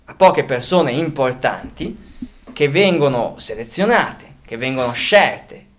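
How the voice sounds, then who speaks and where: A man's voice: mid-range voice, expressive, slow pace, a little hiss or hum. A man co-hosting a casual podcast, talking, rambling, often restarting and correcting himself as he thinks aloud. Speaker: podcast co-host.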